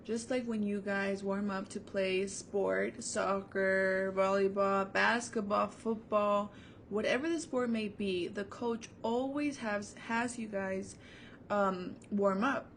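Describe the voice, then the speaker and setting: A woman's voice: mid-range voice, steady tone, takes it slowly, slight background noise. Upbeat woman teaching a kids' music lesson. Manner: upbeat, encouraging, many fillers. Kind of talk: recorded online music lesson for children. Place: seated at home before her own camera. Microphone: camera mic.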